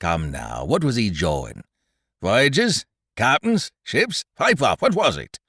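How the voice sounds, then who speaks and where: A man voicing a bluff, crafty, excitable tavern landlord and old seaman in an audiobook, blustering in rustic sailor's grammar. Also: sits low, takes it slowly, dry recording, clean studio sound, full character voice. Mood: stern, scornful. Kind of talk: audiobook character voice.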